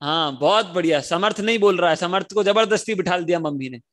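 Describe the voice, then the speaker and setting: A young man teaching an online religion class to children, coaxing them to repeat lines and chanting verses slowly over a video call. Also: sits high. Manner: animated, coaxing kids to repeat lines aloud.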